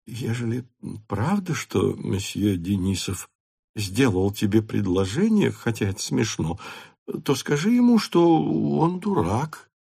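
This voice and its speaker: A patient, weary countess in an audiobook who speaks softly and drily, voiced by a male reader. The recording is dry and close. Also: medium pitch, big pitch swings, measured pace, gravelly, slightly rough, no echo, exaggerated voice.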